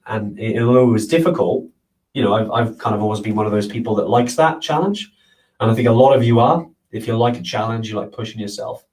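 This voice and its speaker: A man's voice: mid-range voice, a little mellow. A man hosting a casual live question-and-answer show, answering viewers in an earnest, rambling way. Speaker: host of a trekking live show. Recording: voice a bit far from the mic.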